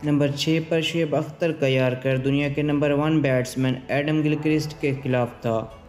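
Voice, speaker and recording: A man's voice: fairly high pitch, moderate pace. Man narrating a sports countdown. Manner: steady, formal countdown delivery. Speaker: channel narrator. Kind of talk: scripted voice-over narration. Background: faint background music.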